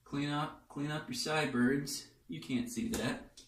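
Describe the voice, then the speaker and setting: A man's voice: on the high side, steady tone, a little slow, slight background noise. A man casually demonstrating his shave at home in his bathroom, joking and thinking aloud as he works. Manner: joking, rambling, thinks aloud while working. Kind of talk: casual how-to chat. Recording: echoey bathroom, far from mic, faint music.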